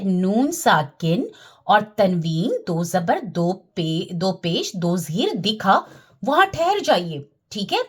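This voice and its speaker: A woman teaching Quran recitation rules, repeating key terms, checking in with her listeners and drawing out recited words slowly. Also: mid-range voice, slightly rough. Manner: slows down and draws out recited Arabic words. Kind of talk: tajweed lesson.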